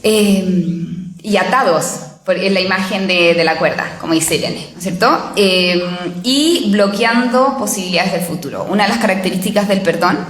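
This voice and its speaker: A woman lectures at a parish gathering in a relaxed, conversational way, often pausing to check that her listeners follow. Her voice sits at a medium pitch, and the recording carries the echo of a large hall. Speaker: theologian giving a parish talk. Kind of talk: spoken lecture to a parish group.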